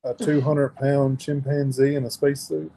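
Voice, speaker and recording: A man's voice: mid-range voice, flat delivery, normal speed, mellow, slight background noise, rough recording. A man with a Southern drawl, chatting casually as co-host of a paranormal podcast. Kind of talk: casual chat.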